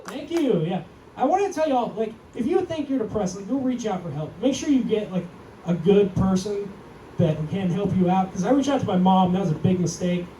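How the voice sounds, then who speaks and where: A young man with a high voice works through a stand-up set in a deadpan, self-deprecating way. He lifts his voice when he acts out other people. The sound is roomy and distant, with a loud club ambience behind him. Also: a little fast. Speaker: stand-up comedian. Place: comedy club stage. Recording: echoey club, mic heard from far, audience noise.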